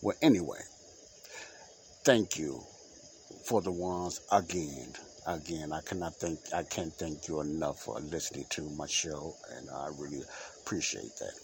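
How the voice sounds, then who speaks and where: A man with a very deep voice speaks a little slowly over slight background noise. He hosts an unscripted solo podcast recorded at home and left unedited. His delivery is loose and rambling, packed with fillers and repetition, and his nose is stuffy.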